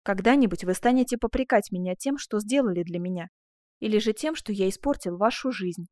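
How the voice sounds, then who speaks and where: A woman's voice: medium pitch, fairly quick, a little mellow, no room sound, studio quality, natural voice. A woman reading the part of a bewildered young man in an audiobook, speaking in an agitated, pleading way. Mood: torn, pleading.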